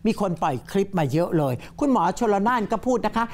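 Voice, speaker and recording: Woman, talk show host, probing questions, pressing, quick delivery. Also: medium pitch, animated, a little mellow, slight background noise. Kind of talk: studio talk show interview.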